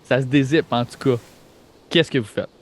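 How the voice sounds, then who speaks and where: Quebec French game master narrating. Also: male voice, medium pitch, moderate pace.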